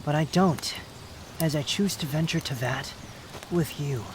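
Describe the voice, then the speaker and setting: A man playing a prideful, sharp-tongued puppet wanderer with a secret fondness, speaking to the listener in a roleplay audio drama, haughty and unhurried. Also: fairly high pitch, background noise, lightly acted. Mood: wry, confessing.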